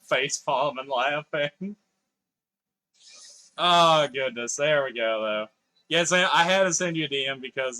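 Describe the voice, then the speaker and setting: While he plays a video game on a live stream, this man talks casually with his audience, reading chat messages out loud and cursing occasionally. His voice is mid-range, bright, forceful and clean.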